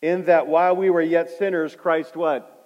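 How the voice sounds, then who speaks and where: A middle-aged male pastor preaching a sermon, swinging from loud emphatic points to hushed, quiet stories. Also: fairly high pitch, little pitch movement, moderate pace. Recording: dull lo-fi sound with hall reverb.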